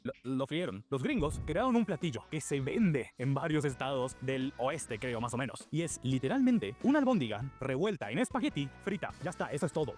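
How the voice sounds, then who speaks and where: A man's voice: medium pitch, sing-song, a little fast, hardly any pauses, a little mellow, faint music behind. A man with an Argentine accent giving comedic scripted narration in a sarcastic, exasperated ranting manner. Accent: Argentine Spanish. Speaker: video narrator.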